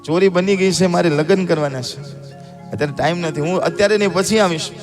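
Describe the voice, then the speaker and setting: A man's voice: high voice, fast, faint music behind, natural voice. A man doing Krishna, a gracious young god. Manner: affectionate, coaxing.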